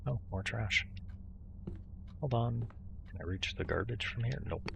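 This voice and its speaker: A man's voice: mid-range voice, animated, measured pace, gravelly, lo-fi sound, background noise. A man giving casual horror game commentary, muttering asides to himself as he plays. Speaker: video game streamer.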